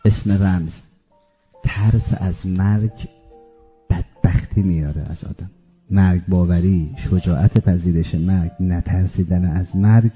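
Male preacher giving a sermon, gets loud and fired up then goes low and slow, muffled radio sound with faint music. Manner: rises to loud emphatic peaks, then drops low and slow. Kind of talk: religious sermon with storytelling.

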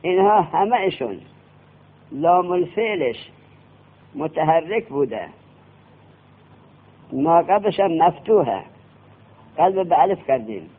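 A man teaching a classroom grammar lesson, quizzing his students with quick questions. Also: on the high side, animated. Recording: tinny lo-fi classroom recording.

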